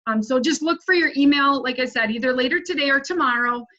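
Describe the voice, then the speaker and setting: A woman hosting a webinar, her fairly high voice coming through slightly dull, lo-fi audio. She talks in a friendly, appreciative way as she passes questions along and wraps up. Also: fast, bright, forceful tone. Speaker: webinar host.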